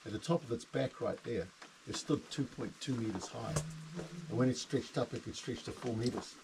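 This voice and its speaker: A man's voice: mid-range voice, normal speed. A man guiding a tour, chatting and explaining informally with jokey asides. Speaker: cave tour guide. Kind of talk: informal guided tour commentary. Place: on a walking tour, recorded live. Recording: clearly noisy live tour recording.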